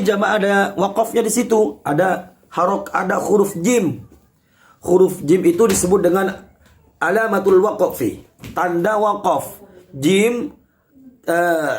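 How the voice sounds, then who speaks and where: A man leads an online recitation lesson, addressing his listeners as a congregation. He speaks slowly and patiently, explaining each rule step by step. His voice is fairly high for a man. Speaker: Quran recitation teacher.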